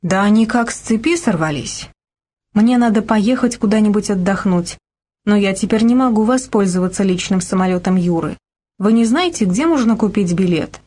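A woman's voice: mid-range voice, animated, normal speed, a little mellow, natural voice. A woman voicing a sad, wealthy middle-aged wife who sighs and laments her lost standing. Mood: plaintive. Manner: sighing, plaintive, lamenting.

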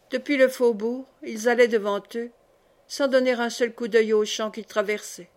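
A woman narrating a classic novel as an audiobook in a measured, gentle storytelling manner. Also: a little high. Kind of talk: literary audiobook reading.

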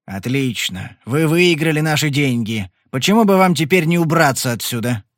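A man voicing a menacing male gambler who speaks slowly in a low, threatening growl. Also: animated, dry recording, clean studio sound, lightly acted.

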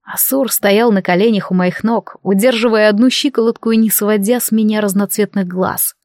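A woman narrating a fantasy romance novel in the first person, with an expressive reading. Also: mid-range voice, normal speed, no echo, studio quality. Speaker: audiobook narrator.

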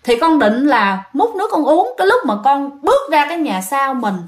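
A man's voice: extremely high pitch, very animated, moderate pace. A woman voicing a feverish, terrified teenage boy with a Southern Vietnamese accent, pleading to his mother. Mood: feverish, frightened. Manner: panicked, pleading.

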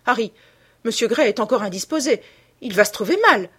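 A woman reading the lines of a playful, teasing duchess in a bantering tone, with a slightly husky voice. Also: a little high, animated, a little fast, fairly bright tone. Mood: concerned.

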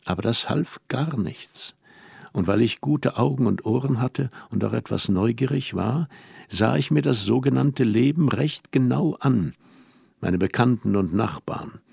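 A man reading the part of an earnest, melancholy young woman in an audiobook, in a measured, reflective way with slow emphatic pauses. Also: mid-range voice, creaky, a little mellow, slightly rough, no room sound, clean studio sound, full character voice.

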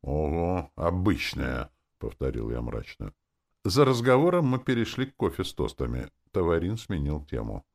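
Very deep-voiced male audiobook narrator. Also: moderate pace. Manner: expressive, acting out dialogue. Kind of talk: scripted fiction narration in first person.

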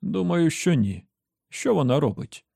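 A man's voice: on the high side, big pitch swings, a little slow, gravelly, warm tone, slightly rough, no echo, clean studio sound, voice pushed up, heavily acted. A man doing a curt, unimpressed old writer. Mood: detached. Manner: detached, curt. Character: dry, unimpressed older male writer.

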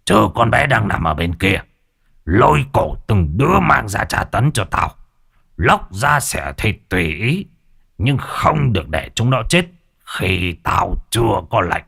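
A man voicing a cruel old sorcerer who gives orders in a low, cold growl. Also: big pitch swings, a little slow, creaky, fairly bright tone, breathy edge, exaggerated voice. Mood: cold menace.

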